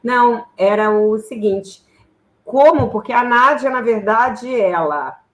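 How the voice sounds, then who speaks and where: A woman's voice: a little high, slow pace, rough recording. Chatty woman host of a live talk. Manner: chatty, loose, with restarts. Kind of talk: live interview hosting.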